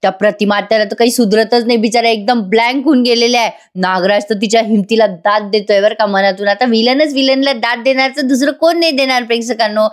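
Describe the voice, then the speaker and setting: Casting: chatty woman reviewer, somewhat high voice, talks straight to viewers. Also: steady tone, fast, hardly any pauses. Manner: chatty, addresses viewers directly, amused. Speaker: TV serial reviewer. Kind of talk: casual voice-over episode review.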